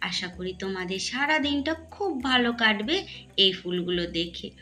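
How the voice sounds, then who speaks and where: A woman's voice: medium pitch, animated, normal speed, bright, forceful tone, soft background music. A middle-aged woman narrating a home cooking and garden vlog. She chats with her viewers and calls them her friends. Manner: chatty, addresses viewers as friends. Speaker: home vlogger.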